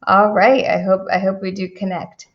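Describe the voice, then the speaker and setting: A woman's voice: medium pitch, little pitch movement, normal speed. Chatty attorney woman on a live stream. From India. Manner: chatty, many fillers and restarts, greets viewers by name. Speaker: immigration attorney hosting a live Q&A. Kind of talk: live-stream Q&A, reading viewer comments. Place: home office in the Washington DC area. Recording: dull lo-fi stream audio.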